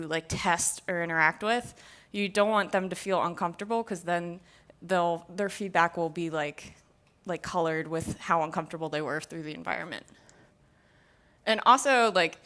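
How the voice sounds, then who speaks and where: A woman's voice: on the low side, fairly bright tone, clean tone. Young woman giving a casual tech talk. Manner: casual, filler-heavy, many "like"s. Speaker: conference speaker, VR prototyper. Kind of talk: conference talk. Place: conference stage.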